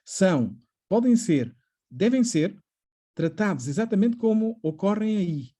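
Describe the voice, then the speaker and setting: A man's voice: high-pitched, expressive, mellow. A middle-aged man giving an academic lecture on poetry, often adding tag questions and hesitant fillers. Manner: frequent tag questions, hesitant fillers, reads quotations slowly. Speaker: literature professor.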